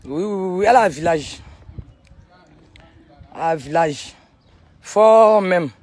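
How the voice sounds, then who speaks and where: A woman, vlogging casually from a sunny village outdoors on a handheld phone, animated and talkative, firing back at critics. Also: lowish voice, slow. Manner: animated, chatty, retorts to critics. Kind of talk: casual vlog tour.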